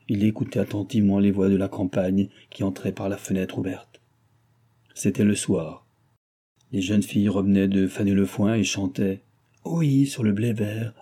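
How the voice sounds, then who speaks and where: A man reads a literary story aloud, dramatizing it with swelling pitch and sudden loud moments. His voice is dark, a little low and husky. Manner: dramatic, expressive reading with big swings in pitch and loudness. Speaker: narrator. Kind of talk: audiobook narration.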